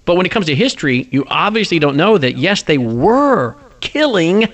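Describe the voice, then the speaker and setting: A man's voice: fairly high pitch, very animated, moderate pace, a bit bright. Emphatic argumentative talk show host man.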